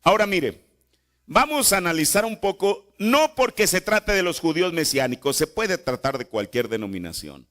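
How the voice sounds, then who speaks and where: A man's voice: high voice, big pitch swings, moderate pace, fairly bright tone. A man preaching a sermon in a church, repeating phrases and asking the congregation rhetorical questions. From Mexico. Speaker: pastor.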